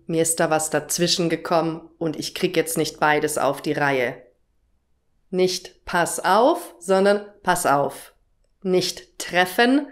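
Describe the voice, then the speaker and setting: A young woman teaching German, explaining everyday phrases and their pronunciation with example sentences. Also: on the low side. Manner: slow, clear explanatory delivery with example phrases.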